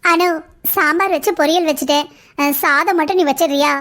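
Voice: high voice, a little fast, sharp tone. A voice actor playing an elder sister-in-law in a cartoon, coaxing while handing out chores. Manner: coaxing but giving orders. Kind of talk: cartoon voice acting.

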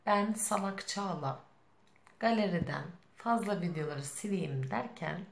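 A woman's voice: lowish voice, creaky, echoey room. A young woman vlogger talking casually to camera, frustrated and scolding herself, close to tears. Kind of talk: casual vlog talk to camera.

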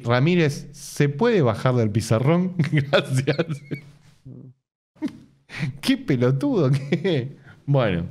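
On a casual live stream from a bookshelf-filled room at home, an Argentine man in his thirties reads a forum post aloud. His voice is on the high side, with very lively intonation, and he laughs a lot while making sarcastic, jokey asides.

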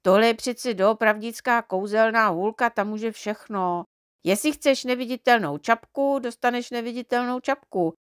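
A woman voicing a boastful, careless little boy mite from a storybook, raising her voice into a cocky, excitable tone. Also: a little high, clear, resonant tone, no echo, studio quality, natural voice.

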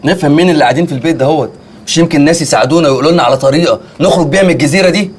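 An actor playing a bossy, excitable stranded man who nags his friends, in an Egyptian accent. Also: fairly high pitch, racing, slightly rough. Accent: Egyptian Arabic. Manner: bossy, excitable comic scolding. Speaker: castaway leading a group. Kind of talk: TV sitcom acting. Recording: music score underneath.

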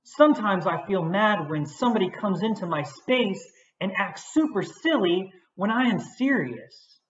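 A woman voicing Cloud, a gentle young male cloud plush toy, in a plain, earnest way, on an echoey, dull recording. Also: medium pitch, animated, measured pace, natural voice.

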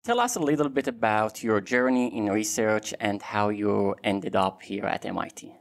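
A man co-hosting a science podcast, reading scripted narration in a measured way. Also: fairly low pitch, animated, gravelly. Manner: measured, read-aloud delivery. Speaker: podcast co-host.

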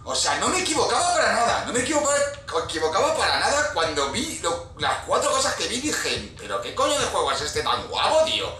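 A man's voice: sits high, very animated, brisk, hardly any pauses, bright, forceful tone, roomy sound, far from the mic, faint music behind, rough recording. A man with an accent from Spain nervously commentating a horror game, swearing a lot and yelping at scares. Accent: Spain Spanish. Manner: jumpy, swearing, nervous chatter with sudden yelps. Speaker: gaming youtuber.

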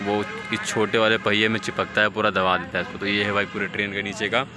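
A man's voice: fairly low pitch, level tone, fast, over music. A young man in his twenties chatting casually as a travel vlogger, filming himself at the open door of a moving train and often addressing viewers as brother. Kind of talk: casual travel vlog narration. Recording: loud rattling train noise. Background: loud train and track noise.

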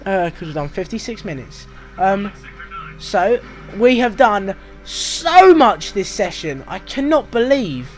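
A British man talks his way through a video game walkthrough in a notably high voice. He rambles, mocks himself and chats casually, with faint game music playing beneath him. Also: very animated, slow. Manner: rambling, self-mocking, chatty. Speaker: gaming walkthrough host.

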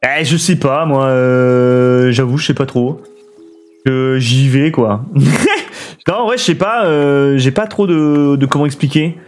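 A man's voice: medium pitch, a little slow, faint music behind. A man streaming a building game, thinking aloud and chatting with his viewers in a casual way. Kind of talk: casual let's play commentary.

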